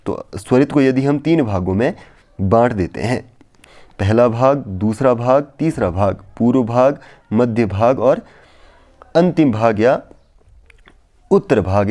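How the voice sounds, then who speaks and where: Male Sanskrit tutor, warm dark tone, chants verses slowly then explains patiently. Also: medium pitch. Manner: recites verses slowly, then explains in repetitive plain Hindi. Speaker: Sanskrit teacher. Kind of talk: explanatory lesson on phonetics.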